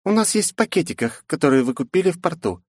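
A man voicing a sharp-tongued young woman sidekick who scolds her boss with sarcastic questions. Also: on the high side, lively intonation, quick pace, no room sound, clean studio sound, pitched above the performer's own voice. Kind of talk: audiobook character voice.

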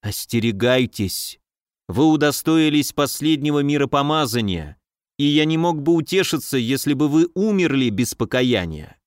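A man reading the part of a hypocritical young nobleman, falsely tender and measured. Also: mid-range voice, expressive, clean tone, no room sound, clean studio sound, natural voice. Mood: feigned tender.

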